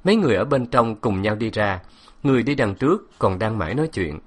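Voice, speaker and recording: A man reading an audiobook novel aloud in a measured, introspective scripted narration. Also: on the low side, big pitch swings, husky. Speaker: audiobook reader.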